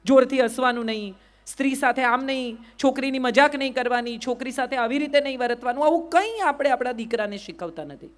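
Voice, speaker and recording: Woman, Gujarati accent, high pitch, motivational talk, rhetorical questions to audience. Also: quick pace, few pauses. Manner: asks the crowd rhetorical questions, repeats "yes or no". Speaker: public speaker. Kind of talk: motivational speech to a live audience.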